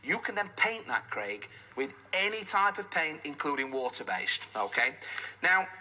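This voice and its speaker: A man pitches a product in home shopping host style, with a very bright, forceful and husky voice. His intonation swings up and down as he walks viewers through each step and hammers home the selling points. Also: very animated, normal speed, rough recording. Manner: instructional, step-by-step, emphatic selling.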